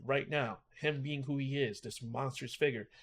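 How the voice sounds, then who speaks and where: A man's voice: mid-range voice, fairly even intonation, moderate pace, a little hiss or hum. A man hosting a reaction video, talking emotively and repetitively as he thinks aloud. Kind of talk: casual reaction commentary.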